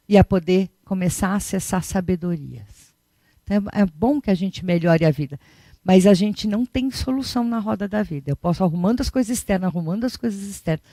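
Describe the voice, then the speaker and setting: Woman, Buddhist teacher, chatty lecture with rhetorical questions; mid-pitched voice, dry close sound. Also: mellow, no echo. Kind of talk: conversational dharma talk.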